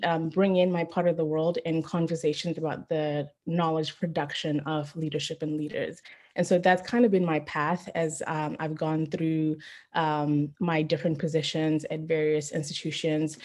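A woman from Zimbabwe, a professor, speaking as a guest in a relaxed podcast interview and thinking her answers through with frequent ums. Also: low voice. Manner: thoughtful, reflective, with frequent ums. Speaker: guest, leadership studies professor.

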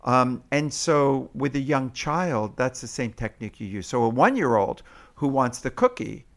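A man's voice: medium pitch, animated, normal speed. A man in an interview explaining parenting techniques, now and then acting out sing-song parent voices. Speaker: parenting expert guest.

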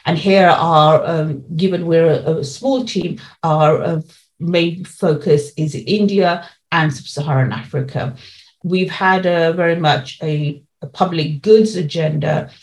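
A woman serving as a policy lead gives explanatory answers in an interview, setting out her points in measured, formal language. Her voice sits low.

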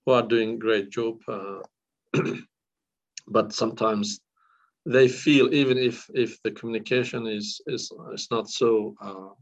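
This Kurdish-speaking counsellor from northern Iraq has a low voice and speaks slowly with fairly even intonation. Giving a podcast interview, he sounds hesitant, full of fillers and restarts, and the audio is dull and lo-fi.

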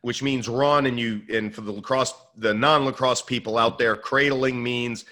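A middle-aged man from the Northeastern US with a bright, forceful voice. He talks with energy as a guest, acting out little scenes and quoting people as he explains. His voice sits at an ordinary middle pitch. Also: moderate pace. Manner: energetic, acts out dialogue with kids. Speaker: podcast guest, leadership author. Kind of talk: animated storytelling in conversation.

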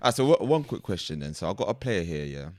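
A man's voice: deep voice, big pitch swings, fast talker, no room sound, clean studio sound. A young man with a London roadman accent, putting questions in a casual, slangy group debate. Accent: London, multicultural urban roadman slang.

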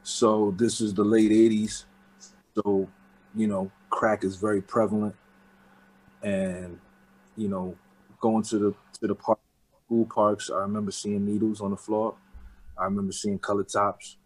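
Man, New York accent, husky, flat and even delivery, casual storytelling. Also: fairly low pitch, measured pace, pauses often, rough recording. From New York, the Bronx. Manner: loose and street-casual, with frequent "you know what I'm saying". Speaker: guest. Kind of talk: casual interview talk.

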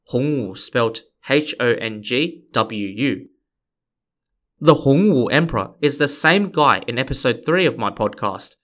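Male podcast host, mid-pitched voice, scripted history narration with casual asides. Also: fairly bright tone. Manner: conversational, playful asides to listeners.

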